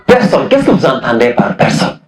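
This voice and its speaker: A man's voice: medium pitch, very animated, moderate pace, roomy sound, some chatter behind, poor audio. A man teaching a philosophy class, repeating key phrases, questioning students and switching between French and Wolof. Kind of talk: classroom lesson.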